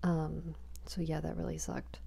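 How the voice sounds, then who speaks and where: A woman chatting softly for ASMR on a small close microphone, rambling, whispery and giggly. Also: sits low, completely flat delivery, measured pace, gravelly, breathy edge. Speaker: ASMR creator. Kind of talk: soft-spoken ASMR chatting.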